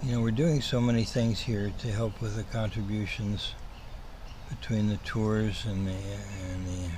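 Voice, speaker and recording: Guy w missing front teeth whistling a bit on his s's, kinda low voice, rambly halting livestream chat, noisy background. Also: fairly even intonation. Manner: rambling, hesitant, halting with repeated words. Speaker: host, cat rescue operator. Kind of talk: casual livestream update. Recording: clearly noisy ambient background.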